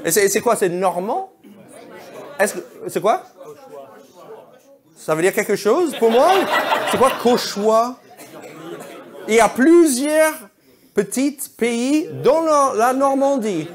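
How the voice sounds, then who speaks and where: Male stand-up comic, unhurried, teasing the crowd with puzzled questions, big audience laughter around him. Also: very high-pitched, expressive. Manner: playful, mock-bewildered questioning of the audience. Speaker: stand-up comedian. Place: theatre stage before a live audience. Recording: loud audience laughter in a theatre.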